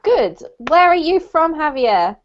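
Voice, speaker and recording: A woman's voice: high-pitched, very animated, takes it slowly, muffled recording. A woman teaching a live online English class, chatty and speaking straight to her students over a video call.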